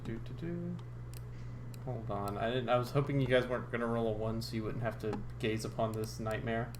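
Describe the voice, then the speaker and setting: A man's voice: medium pitch, fairly even intonation, fairly quick, background noise. A man running a tabletop game as game master, laid-back and teasing, swearing casually.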